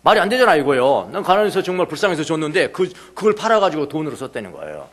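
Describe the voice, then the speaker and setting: A male pastor preaching a sermon, telling stories with lively swings between animated emphasis and quiet asides, laughing now and then. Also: on the high side, racing. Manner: laughs often while preaching.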